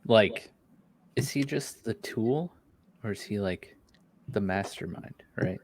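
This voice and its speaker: A man playing a tabletop game, talking slowly and musing aloud. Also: lowish voice. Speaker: player.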